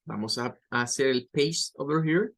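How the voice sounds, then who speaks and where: A man's voice: medium pitch, normal speed, a bit bright. A man teaching an online pronunciation lesson, patiently repeating words to model each sound. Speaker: English teacher.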